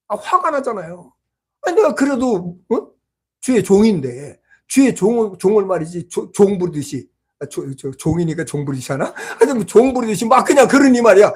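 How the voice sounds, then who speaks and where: Husky-voiced pastor telling a story in a sermon. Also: medium pitch. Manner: storytelling preaching, swinging between loud exclamations and hushed asides. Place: small church.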